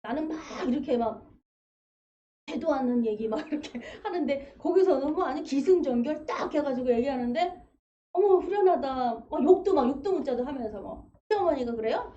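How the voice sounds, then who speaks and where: A woman's voice: sits high, mellow, muffled recording, a little hiss or hum. A woman pastor preaching a sermon in a conversational, storytelling way, acting out quotes as she goes. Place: church sanctuary.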